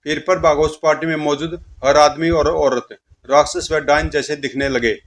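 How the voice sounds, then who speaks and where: A man's voice: fairly high pitch, flat delivery, normal speed. A man narrating a horror comic story dramatically, speaking the sound effects aloud himself.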